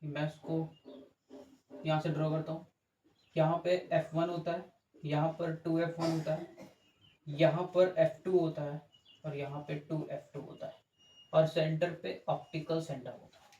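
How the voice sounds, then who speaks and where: A man's voice: on the high side, level tone, measured pace, long pauses, warm tone, dull audio. Male teacher in echoey room. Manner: explains step by step, asks rhetorical checks, corrects himself. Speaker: physics teacher. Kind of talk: classroom lecture with board drawing. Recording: echoey room with faint ambient noise.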